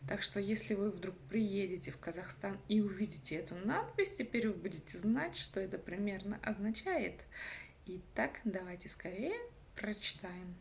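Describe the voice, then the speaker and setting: A woman from Kazakhstan teaching on camera, sounding words out slowly syllable by syllable. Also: medium pitch, lively intonation, creaky, slight background noise. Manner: slow syllable-by-syllable demonstrations, stresses sounds. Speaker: language teacher. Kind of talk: on-camera language lesson. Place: indoor room by a window. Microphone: camera mic.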